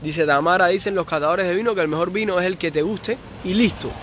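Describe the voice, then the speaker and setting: A young man with a Cuban accent talks casually on a live stream, reading out viewer comments and replying to them. His voice sits slightly high. Faint street and car noise hums in the background. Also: quick pace, a bit bright. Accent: Cuban Spanish. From Cuba. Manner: chatty, reads viewer comments aloud and answers them.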